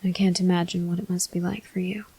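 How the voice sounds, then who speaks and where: In an ASMR roleplay, a woman voices a brooding male vampire officer consumed by guilt, whispering breathily in slow, halting, formal phrases. Her voice sits on the low side with a dark tone, a breathy edge, and little pitch movement, and the mood is weary yet grateful.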